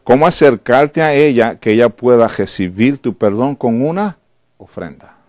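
A man's voice: medium pitch, expressive, normal speed, a little mellow, no echo. A male pastor preaching a sermon in a conversational, exhortative way and often asking the congregation questions.

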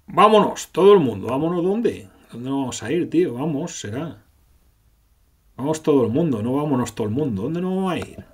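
A bossy young male hero from a game, loud and exasperated, pushing his words up high, as a man puts him on. The voice stays husky and a little rough around the edges. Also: big pitch swings, normal speed.

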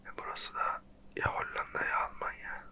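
A person speaking in a breathy close whisper, casually commentating on a geography guessing game in a slangy, self-mocking way. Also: normal speed. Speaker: host. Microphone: close microphone.

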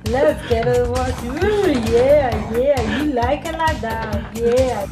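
A woman voicing a lecherous male car customer in a toy puppet skit, speaking in a put-on low, leering voice. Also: expressive, slow, over loud music. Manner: leering, suggestive.

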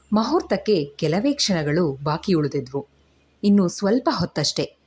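A woman telling a story in a steady, expressive reading voice. Her tone is low, dark and husky. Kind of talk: scripted story narration.

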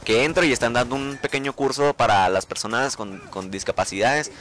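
Fast-talking young Mexican man telling a story. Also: mid-range voice. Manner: animated, swears freely, acts out his own reactions. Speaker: vlogger. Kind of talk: casual storytelling monologue.

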